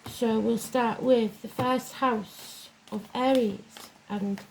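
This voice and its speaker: A woman talks over the faint noise of a fan as she gives a casual horoscope reading. Her voice sits a little high and often turns gravelly with fry. She rambles in a plain-spoken, self-deprecating way. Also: steady tone, takes it slowly, rough recording. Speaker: tarot and astrology reader, host of a weekly zodiac reading. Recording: clear fan noise behind the voice. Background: whirring fan.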